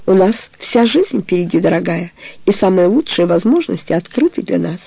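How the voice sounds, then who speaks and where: A man's voice: high-pitched, animated, moderate pace, vocal fry, dark tone, breathy edge, dry recording, full character voice, low-quality recording. A reader voicing a passionate young man pleading with his beloved to marry him, in an audiobook. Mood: ardent. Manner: pleading, tender, insistent. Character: ardent young man proposing marriage, passionate. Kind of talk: audiobook character reading.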